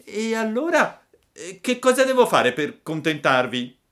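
A man's voice: high-pitched, very animated, measured pace, fairly bright tone, pitched above the performer's own voice, exaggerated voice. A man voicing a cheeky young male wooden puppet in a storybook reading, mocking and teasing.

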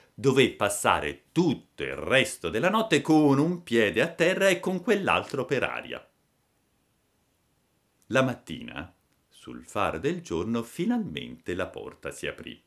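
Expressive, slow male storyteller. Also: lowish voice. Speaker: narrator. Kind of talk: storybook reading.

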